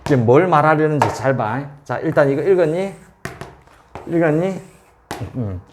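In a fairly high voice at normal speed, a man tutors calculus on a whiteboard, going over values again and regularly checking that students understand. The background is noisy.

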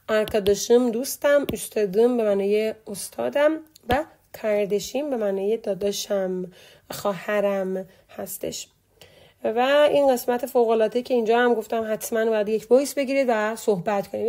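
A woman teaching a language online, her voice fairly high yet mellow. She walks through a vocabulary list, repeating each word and its meaning. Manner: explains slowly, repeating words and translations. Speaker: Turkish teacher.

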